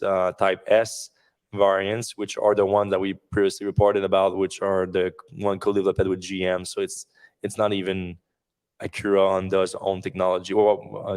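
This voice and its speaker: A podcast host with a low, flat voice rambles through a casual news discussion, full of fillers and restarts. He's losing his voice.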